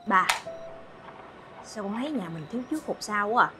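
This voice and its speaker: An actress with a Southern Vietnamese accent playing a caring teenage daughter who soothes her father and pleads gently. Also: mid-range voice, animated, a little fast, close to an everyday voice. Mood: soothing. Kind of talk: film acting. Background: background music.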